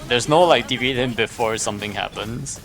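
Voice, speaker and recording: Over soft background music, a game livestreamer with a medium-pitched voice gives brisk, casual commentary on his gameplay, thinking aloud and repeating and questioning himself as he goes.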